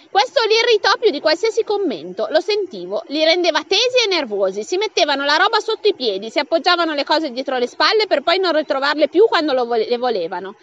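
A woman reading a comic novel aloud as an audiobook, bringing the dialogue to life with raised pitch. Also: fairly bright tone, muffled recording. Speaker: audiobook reader.

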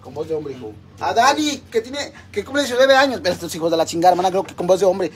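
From her home kitchen, a middle-aged Mexican woman runs a crude, joking cooking live stream and addresses viewers as sisters. She speaks with a Mexican Spanish accent, a fairly low, sing-song voice and a quick pace, and there's a little hiss or hum.

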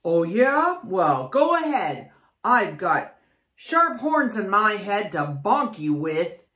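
Big billy goat voiced by a woman, bold, cocky, lively voice, echoey room, storybook. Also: mid-range voice, takes it slowly, recorded from a distance.

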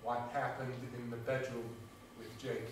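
A man's voice: mid-range voice, level tone, measured pace, background noise, lightly acted. An actor playing a man who questions his friend with blunt, probing questions in a live stage drama. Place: small theatre stage. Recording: echoey theatre from far off.

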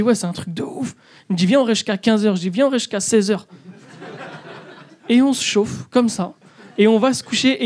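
A man's voice: sits high, a little mellow. A young man doing stand-up in a comedy club, telling a story and acting out both sides of the dialogue.

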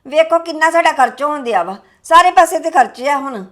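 A woman playing a young wife with a high, voice, fretting over money. She complains sharply and sounds worn down by worry. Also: lively intonation, moderate pace. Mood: defensive. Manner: sharp, complaining, then weary and low. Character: stressed young wife worried about debts. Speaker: daughter-in-law character.

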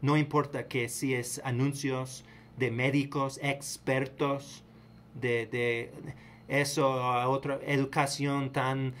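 A man from the United States giving a casual spoken sermon in a halting, preachy way, often repeating his words. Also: mid-range voice, flat delivery, a little hiss or hum. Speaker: vlogger.

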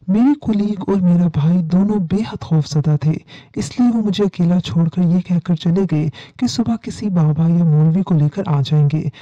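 Brief: woman storyteller, calm earnest horror narration, very dark mellow tone, dull lo-fi recording. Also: on the low side, no echo.

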